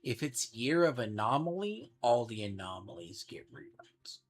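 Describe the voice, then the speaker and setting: A man's voice: mid-range voice, sing-song, moderate pace, breathy edge. A man giving casual game commentary, rambling and thinking aloud as he speculates. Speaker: gaming streamer. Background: game music.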